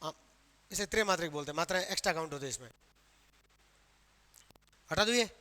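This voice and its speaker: High, bright-voiced male Hindi teacher. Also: expressive, fairly quick. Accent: Rajasthani Hindi. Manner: quizzing students with questions he answers himself. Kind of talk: classroom lecture on Hindi grammar. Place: classroom. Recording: long reverb of a hall.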